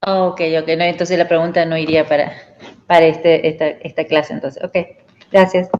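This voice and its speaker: A woman's voice: low voice, level tone, normal speed, a little mellow, lo-fi sound. A woman student in an online class discussion, chatty and full of tag questions.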